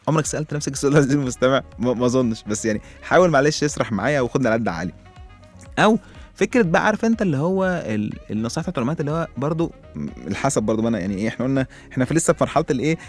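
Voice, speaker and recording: A man with an Egyptian accent races through a comic monologue as a show host. He keeps chuckling and firing rhetorical questions at his listeners. Soft music plays faintly behind him. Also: medium pitch.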